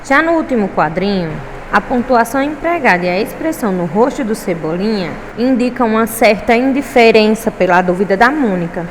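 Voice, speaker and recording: A woman's voice: fairly high pitch, expressive, fairly quick. A woman teacher with a Brazilian Portuguese accent, giving a recorded lesson to pupils, patient and often checking in with them. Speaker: primary school teacher. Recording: echoey room with faint traffic noise.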